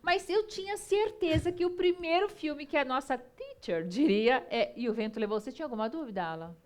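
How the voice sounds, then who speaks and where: A woman hosting a TV talk show, chatty and lively, often talking to the audience. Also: sits high, fairly quick. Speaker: TV show host.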